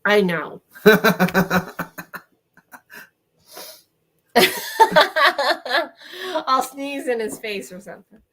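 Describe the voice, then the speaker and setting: A woman co-hosting a relaxed chat, her voice hoarse and giving out. She still talks in an animated, chatty way, mid-range in pitch. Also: extremely slow, long pauses. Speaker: co-host. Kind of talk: casual chat.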